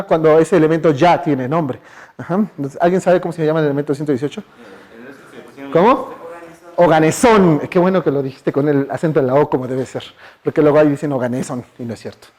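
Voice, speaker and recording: A guest speaker with a Mexican Spanish accent gives a relaxed public science talk in a university lecture hall, his voice slightly high. He chats with the audience, asking them questions and filling pauses with lots of "eh" and "ajá".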